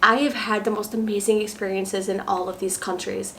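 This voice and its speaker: A woman's voice: mid-range voice, steady tone, brisk, pushed and bright, low-quality recording. A woman speaks in a tipsy, playful way, chiming in casually. She comes across as a travel vlogger chatting through a Q&A, with a little noise behind her. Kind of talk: casual chat, Q&A.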